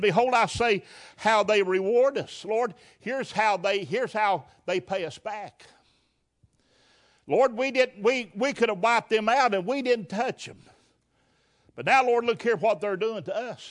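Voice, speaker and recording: High-voiced man preaching fervently. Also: normal speed, fairly bright tone. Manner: fervent, folksy, rhetorical questions, repeats words. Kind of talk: sermon.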